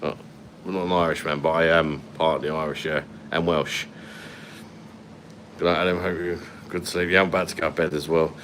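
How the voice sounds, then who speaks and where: Reading comments during a casual livestream, a London man with a very deep voice talks bluntly, swears freely and laughs a lot. He's in a hotel room at night with the phone at arm's length and a faint air-conditioning hum in the background. His tone is level and fairly bright, and he speaks fairly quickly.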